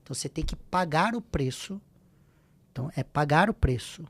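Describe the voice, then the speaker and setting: A man's voice: on the high side, animated, moderate pace, slightly rough. A Brazilian man with a slight tongue-tie giving emphatic motivational advice as a podcast guest, often asking rhetorical questions. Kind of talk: motivational advice in a casual interview.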